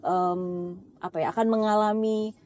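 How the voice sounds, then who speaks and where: A woman's voice: mid-range voice, steady tone, moderate pace, darkish tone, slight background noise. A woman hosting a casual conversation, speaking reflectively and mixing English into her Indonesian.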